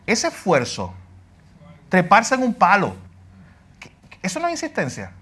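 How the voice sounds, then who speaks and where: Animated Puerto Rican pastor, high bright voice. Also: male voice, unhurried, husky. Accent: Puerto Rican Spanish. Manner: animated, rises to shouting on quoted cries; asks the listeners questions directly. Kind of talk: Bible class sermon.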